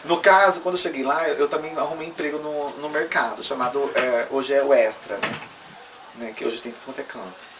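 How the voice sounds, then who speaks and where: A woman's voice: extremely low pitch, fairly even intonation, a little fast, slight background noise. A woman tells her life story in an interview, earnest and emotional, often checking in with tag questions. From Brazil. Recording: distant mic with faint room ambience.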